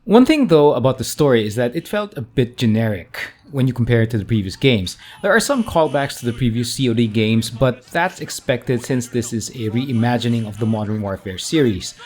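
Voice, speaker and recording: A man's voice: medium pitch, a little mellow. A man giving a casual video game review as a voice-over, conversational and often correcting himself mid-sentence.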